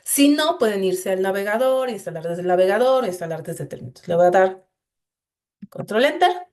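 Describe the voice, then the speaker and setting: A woman's voice: mid-range voice, animated, fairly quick, a little mellow. A woman teaching a screen-share coding lesson, explaining each step to her students and often saying "entonces". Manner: explanatory, addresses students directly with frequent "entonces". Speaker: instructor.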